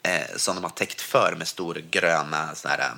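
A man's voice: deep voice, fairly even intonation, vocal fry, sharp tone. A man from Sweden telling a personal story in casual conversation, words tumbling out with many restarts. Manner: vivid, tumbling retelling full of restarts.

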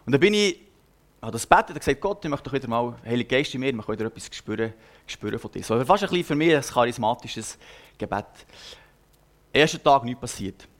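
Earnest young Swiss preacher. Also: male voice, medium pitch, animated, fast. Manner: earnest, conversational storytelling with frequent hesitations. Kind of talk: personal sermon.

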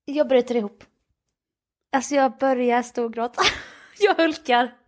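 A young woman co-hosting a podcast, retelling a story with animated quoted dialogue and frequent laughter. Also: on the high side. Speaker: podcast co-host. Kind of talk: casual chat, storytelling.

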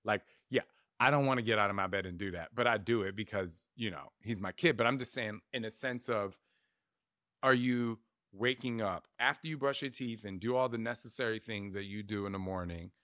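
A middle-aged man hosts a self-help podcast with a casual, chatty delivery, full of asides and questions aimed at the listener. His voice sits on the low side. The sound is dry and close, with little room echo. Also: brisk, pushed and bright. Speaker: podcast host. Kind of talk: reflective self-help monologue.

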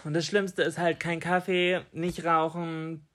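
Male podcast co-host, slightly higher-pitched, easygoing colloquial delivery in an informal conversation. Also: level tone, a little slow, a bit bright. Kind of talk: casual chat.

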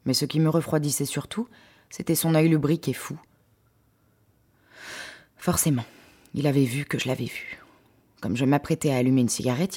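Woman, husky voice, wry sarcastic storyteller, lively first-person tale. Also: rumbling low. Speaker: narrator.

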